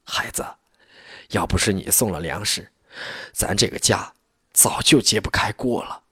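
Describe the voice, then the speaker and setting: A man voicing an elderly peasant mother who speaks fondly and gently to her sons, husky-voiced. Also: extremely low pitch, unhurried, no echo, studio quality, exaggerated voice. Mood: tender.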